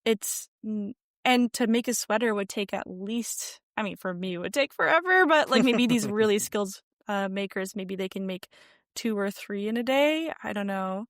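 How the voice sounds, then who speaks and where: A chatty young woman talking over a video call from her yarn-filled room. Her voice sits at an ordinary middle pitch, and the sound is dry and close. She peppers her talk with "like" and leans hard into the words she wants to stress. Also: moderate pace, no echo. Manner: chatty, many "like" fillers, animated emphasis. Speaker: podcast guest, sewing content creator. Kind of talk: casual interview chat. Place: home room with yarn shelves.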